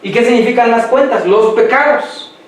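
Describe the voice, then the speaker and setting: A man preaching a sermon who quizzes the congregation and lets them finish his sentences, slowing down to read scripture aloud. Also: very high-pitched. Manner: slows down when reading scripture aloud. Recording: echoey hall, mic far off.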